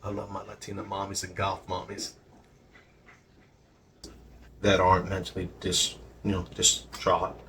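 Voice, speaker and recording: A man co-hosting a casual podcast, cracking crude jokes and laughing loudly. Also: low-pitched, monotone, moderate pace, a little hiss or hum. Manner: crude joker, loud laughs. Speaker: podcast co-host. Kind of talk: casual podcast reaction chat.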